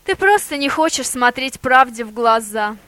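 A woman voicing a sly, bold male boar who talks in a lively, persuasive, theatrical way. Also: on the high side, moderate pace, smooth, dry recording. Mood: persuading.

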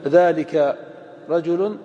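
A man teaching grammar in a lecture, speaking slowly and repeating each example phrase. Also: a little high, dull audio. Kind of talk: lecture explaining Arabic grammar. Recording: echoey lecture hall with faint noise.

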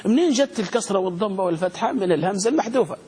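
Fields: Sex: male. Role: grammar teacher. Pitch: high. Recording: echoey room. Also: expressive, a little mellow. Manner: questioning students, spelling words out slowly. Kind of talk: classroom grammar lesson. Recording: echoey room with long reverb, faint noise.

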